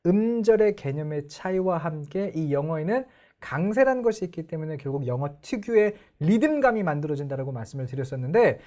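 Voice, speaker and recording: A woman's voice: lowish voice, a little mellow. A young woman teaching English pronunciation in an online lecture, explaining and putting questions to the viewers.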